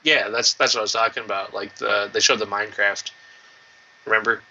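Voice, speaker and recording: A man's voice: lowish voice, steady tone, a little fast, pushed and bright, muffled recording. A young man co-hosting a casual gaming stream, giving short replies and laughing often. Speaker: co-host. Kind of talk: casual live-stream chat.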